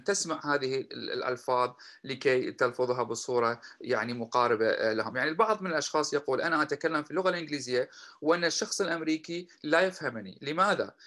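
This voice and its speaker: Man teaching slowly, then explaining quickly. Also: mid-range voice, a bit bright, low-quality recording. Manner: slow, drawn-out repetition when modeling phrases; quick and explanatory between examples. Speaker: language teacher. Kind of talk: teaching lesson.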